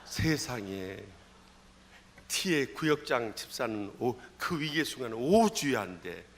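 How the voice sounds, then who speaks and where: Animated, bright-voiced Korean pastor preaching. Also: male voice, a little slow. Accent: Jeolla Korean. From Jeolla, South Korea. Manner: animated storytelling, shifting from loud calls to low asides. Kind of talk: sermon. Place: church sanctuary.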